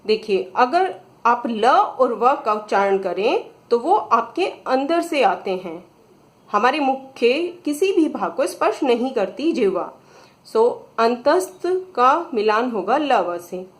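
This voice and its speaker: Slow, high-voiced woman teaching a class. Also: very animated. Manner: patient, addresses children, reads out and explains each answer. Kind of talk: slow explanatory lesson.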